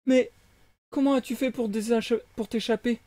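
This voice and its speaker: Pantin de bois aigu, joué par un homme. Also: male voice, very high voice, steady tone, normal speed, a little mellow, dry recording, studio quality, pitched above the performer's own voice. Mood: aigu, ému. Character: jeune pantin de bois, garçon naïf et ému.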